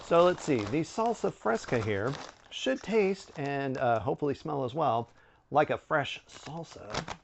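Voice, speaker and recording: A middle-aged man giving a casual product review to camera, conversational, with musing pauses and asides. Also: mid-range voice, lively intonation, gravelly, a little hiss or hum. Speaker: snack review video host. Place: indoor room with bookshelves.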